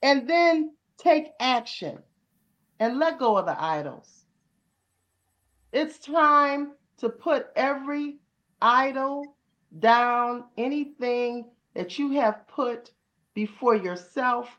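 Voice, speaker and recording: A woman's voice: a little high, slow, fairly bright tone. Preaching woman pastor on a dull call line. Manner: preaching cadence with repeated rhetorical questions. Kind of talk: panel discussion comments.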